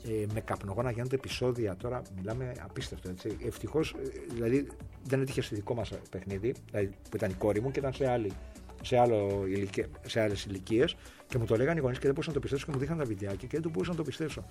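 A middle-aged man co-hosting a sports talk show. He talks in a relaxed, chatty way, circles back over his points and often says "yes". Faint music plays quietly behind him. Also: mid-range voice. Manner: chatty, repeats himself, lots of affirming yeses.

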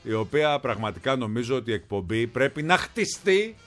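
A man co-hosts a radio show in playful banter, his voice leaping up and down with animated emphasis. He teases his partner and makes big comic points. A faint music bed plays beneath him. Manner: animated, teasing, pitch jumps for emphasis. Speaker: co-host.

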